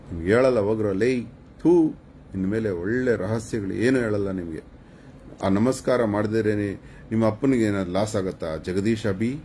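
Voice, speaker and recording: A man's voice: lowish voice, warm tone, slight background noise. A man hosting a live stream, lecturing his viewers in a preachy, scolding and mocking way. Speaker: channel host giving advice on a live stream.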